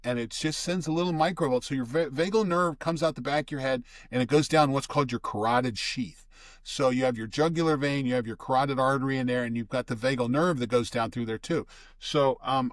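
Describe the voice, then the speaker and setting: A man's voice: mid-range voice, no room sound. Older man telling stories, dry sound. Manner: storytelling, restarts phrases often. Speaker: guest expert. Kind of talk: casual conversational explaining.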